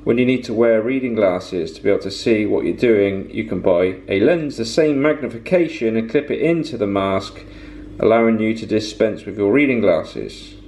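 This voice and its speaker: A man's voice: fairly low pitch, animated, normal speed, a little mellow, slight background noise. A man, giving a casual, practical tool review from his home workshop. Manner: plain-spoken, practical, advice-giving. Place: home workshop with tools on the wall.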